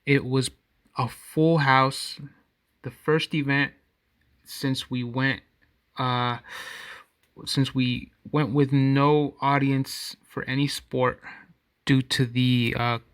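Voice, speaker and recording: A man's voice: medium pitch, fairly even intonation, slow pace, long pauses, a bit bright, smooth, no room sound, clean studio sound. A man hosting his own podcast, giving casual solo commentary in a rambling way and often correcting himself as he goes. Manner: rambling, self-correcting, conversational. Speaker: podcast host.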